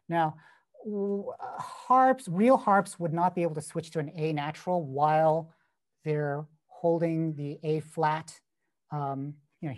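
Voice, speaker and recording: A man with a fairly high, slightly mellow voice critiques a student's score in an online composition masterclass. As the teacher giving feedback, he talks casually over a video call, full of fillers and "right?" checks.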